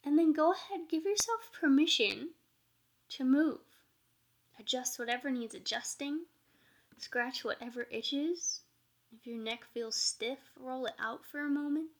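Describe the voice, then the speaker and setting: Creaky-voiced woman teaching meditation conversationally. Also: a little high. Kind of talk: informal spiritual talk and meditation instruction.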